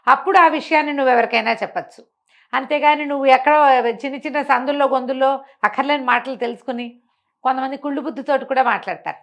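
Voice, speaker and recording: A high-pitched woman speaks quickly, giving a conversational talk on morals as a storyteller. She teaches with emphasis and regularly poses rhetorical questions.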